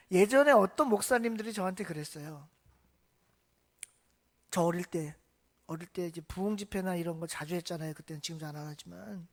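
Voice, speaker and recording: Animated woman pastor preaching a sermon. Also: mid-range voice. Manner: animated storytelling that asks the congregation questions.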